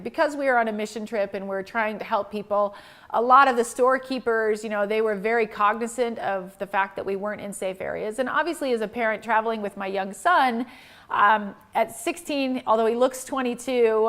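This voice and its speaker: A woman's voice: a little high, fairly bright tone. A woman in her forties hosting a photography stream, talking in a chatty, gushing way with many restarts. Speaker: host. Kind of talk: live-streamed giveaway talk.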